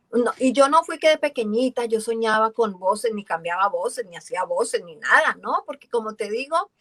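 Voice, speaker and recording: A woman from Colombia's Valle del Cauca speaks with her regional accent in a casual interview. Her voice sits a little high and sounds dry and close to the mic. She tells her story with energy, slipping into the voices of the people she quotes. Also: a bit bright, dry recording. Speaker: voice actress guest.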